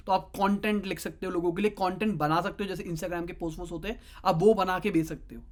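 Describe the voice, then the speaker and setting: A young man talks casually, giving advice in a clip. He speaks straight to the viewer in a chatty, conversational way, slipping in quick asides as he goes. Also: high voice, a bit bright. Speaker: digital marketing YouTuber giving advice.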